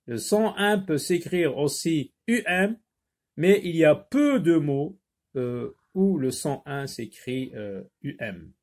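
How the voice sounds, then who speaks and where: A man teaching a French phonics lesson, repeating words slowly and spelling out letters. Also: a little high, expressive, a little mellow. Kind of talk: slow, drawn-out phonics lesson.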